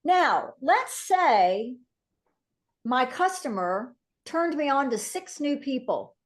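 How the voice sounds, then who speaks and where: A woman coaching her sales team in a casual, chatty way, often asking "right?" and acting out phone calls in lively voices. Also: a little high. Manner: animated, acts out phone conversations in lively voices.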